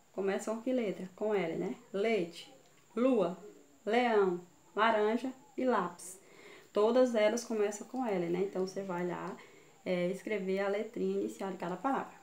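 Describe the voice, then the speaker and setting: A woman's voice: mid-range voice, darkish tone. Woman teacher from far off. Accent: Brazilian Portuguese. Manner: slow, syllable-by-syllable teaching. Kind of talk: children's video lesson. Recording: echoey room, voice from far off, faint hiss.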